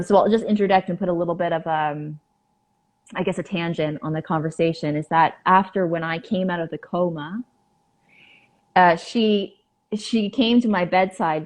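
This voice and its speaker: A woman guest on a podcast, telling a personal story in an earnest, halting way with many fillers. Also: fairly low pitch, a little mellow.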